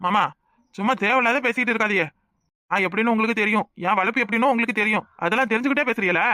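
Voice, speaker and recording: An exasperated young village man, played by a man for a cartoon, scolding in Kanyakumari Tamil. He talks very fast, with a high, bright edge to his voice. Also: dry recording, studio quality. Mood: defensive. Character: irritable young village man Rasu, defensive. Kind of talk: cartoon voice acting.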